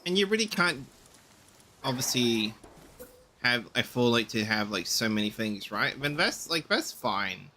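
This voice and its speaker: A man's voice: medium pitch, very animated, unhurried, sharp tone, slight background noise. A man streaming a game, chatting casually in a rambling, ranting way and swearing freely. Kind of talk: casual chat while gaming.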